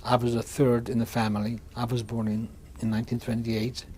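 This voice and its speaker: A man in his sixties from Hungary, giving oral history testimony in a halting way, often restarting and repeating words. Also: mid-range voice, flat delivery, dark tone, a little hiss or hum. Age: 60s. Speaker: interviewee.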